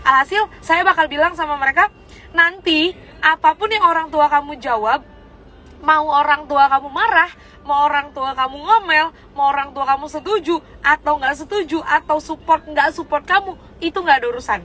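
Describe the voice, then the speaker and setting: A woman coaching her team in a casual talk, frank and animated, often asking her listeners rhetorical questions. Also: high voice, normal speed, poor audio.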